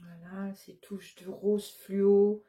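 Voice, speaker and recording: A woman's voice: mid-range voice, little pitch movement, slow, dark tone. A woman who runs a yarn shop, casually showing her new colorways on camera, listing the colors one by one with many hesitant fillers. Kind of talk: casual product show-and-tell.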